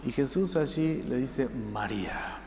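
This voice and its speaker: A man preaching a sermon in Rioplatense Spanish, swinging between loud emphasis and hushed lines. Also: a little high, expressive, moderate pace, roomy sound, in a large hall, a little hiss or hum. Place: church.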